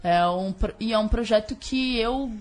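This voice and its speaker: A woman's voice: fairly high pitch, moderate pace, darkish tone. A middle-aged Brazilian woman, a guest author, talking casually and candidly in colloquial, sweary speech while sick with a sore throat. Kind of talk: casual conversational interview.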